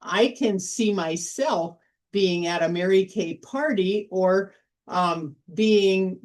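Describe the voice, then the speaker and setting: A middle-aged woman talks her listeners through a workshop in a chatty, storytelling way. She leans on repeated phrases for emphasis, and her voice sits at a middle pitch. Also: slow pace, darkish tone. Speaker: workshop host. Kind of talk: informal sales workshop talk.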